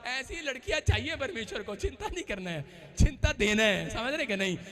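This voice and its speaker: A male pastor, preaching a sermon in church with emphatic, joking storytelling and shouted prayers. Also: extremely high pitch, sing-song, moderate pace.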